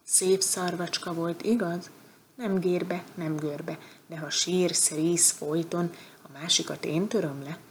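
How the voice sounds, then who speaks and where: A woman's voice: on the low side, steady tone, slight background noise, close to an everyday voice. A woman voicing a goat in a storybook tale, scolding and emphatic. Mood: coaxing. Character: indignant goat with a broken horn, later kind.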